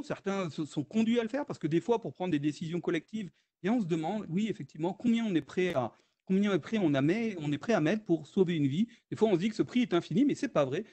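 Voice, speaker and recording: His voice sits high with a dark tone as the French economist gives a webinar talk over video call. He hesitates a lot, restarting sentences and filling gaps with fillers.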